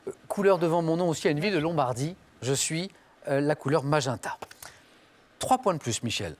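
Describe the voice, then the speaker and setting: Quiz show host reading clues. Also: male voice, on the high side, animated, brisk. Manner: reads clues in first person, names players. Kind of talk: game show question reading.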